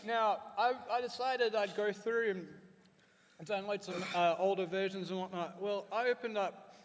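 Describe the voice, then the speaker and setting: Man, high voice, chatty panel presenter, lots of ums, long echo of a convention hall. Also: steady tone, moderate pace. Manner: chatty, filler-heavy, talking while eating spicy chips. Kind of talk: live convention panel talk.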